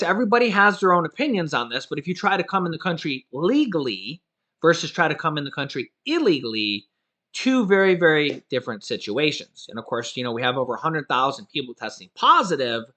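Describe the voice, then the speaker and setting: A vlogger with a slightly high, sharp voice rambles through casual political commentary on stimulus news. His loose talk is packed with "you know" and "of course," and he keeps correcting himself.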